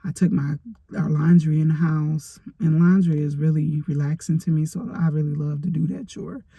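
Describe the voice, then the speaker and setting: A middle-aged woman talks through a rambling storytime from her parked car, her voice mellow and gravelly with a husky edge. The sound is close and dry, picked up by a phone. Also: low-pitched, flat delivery, moderate pace, dry recording. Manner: rambling, chatty storytelling with many fillers. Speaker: vlogger. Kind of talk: casual storytime vlog.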